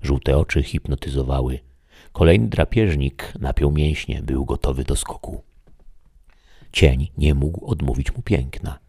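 A man narrating a fairy tale audiobook in a calm, even storytelling manner, with a husky voice. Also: very deep voice, a little slow, dry recording, clean studio sound. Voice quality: husky with vocal fry.

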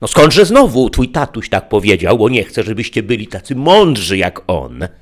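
A man voicing a sly, smooth-talking male stranger who tempts a child with coaxing words. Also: on the low side, big pitch swings, moderate pace, voice pushed up.

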